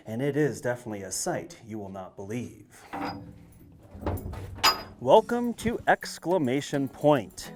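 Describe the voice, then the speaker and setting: A cave tour guide with a fairly high, slightly mellow voice narrates a guided tour on location, explaining the sights as he moves along. Music plays behind him.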